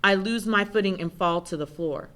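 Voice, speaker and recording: A woman giving an intense, measured first-person spoken word performance. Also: medium pitch, sharp tone.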